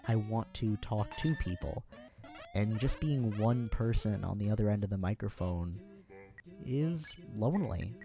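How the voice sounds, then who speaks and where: An American man chatting on his own during a livestream, rambling and self-deprecating with plenty of fillers. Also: lowish voice. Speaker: streamer.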